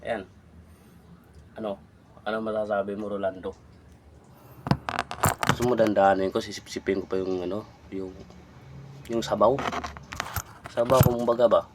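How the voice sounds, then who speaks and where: A man vlogging himself eating, chewing between bites and teasing his viewers with a drawn-out, mocking "hmm?". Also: on the low side, steady tone, noisy background. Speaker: mukbang vlogger. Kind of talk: eating on camera, talking to viewers.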